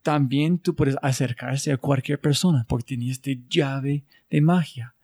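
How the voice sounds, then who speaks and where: A man hosting a relaxed interview at an average pitch. He pieces his questions together slowly and pauses to search for the right words. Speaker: podcast host. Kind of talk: casual interview chat.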